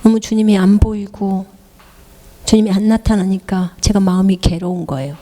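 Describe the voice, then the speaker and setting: A woman missionary preaching a sermon, pressing the listener with rhetorical questions and dropping now and then into hushed whispered asides. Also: mid-range voice, steady tone, normal speed, long reverb tail. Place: church hall.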